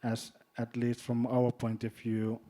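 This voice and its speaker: A man from Finland with a Finnish accent, speaking as a panelist in a hesitant way, often repeating words and filling pauses. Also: mid-range voice, monotone, warm tone. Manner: halting, repeats words, many fillers. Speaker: panelist, drone company executive. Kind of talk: panel discussion.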